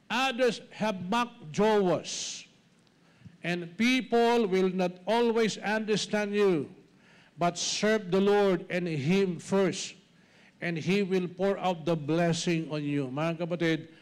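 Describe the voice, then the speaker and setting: High-voiced Filipino preacher. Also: male voice, slow, clean tone. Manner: switches between Tagalog and English, addresses listeners as brothers and sisters. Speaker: pastor. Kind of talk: sermon.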